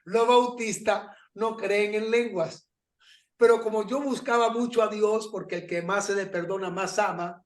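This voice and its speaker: Animated, high-voiced male pastor on a video call, echoey room. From Paraguay. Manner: storytelling, animated, laughs often. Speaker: pastor teaching an online class. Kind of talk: informal Bible class.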